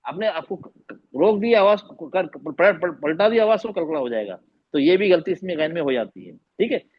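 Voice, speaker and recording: A man teaches Quran recitation in an online class, patiently drilling each letter sound and having students repeat it. His voice is husky and lively, rising and falling a lot. The sound is dry and slightly dull, like a lo-fi call. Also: fairly high pitch, normal speed.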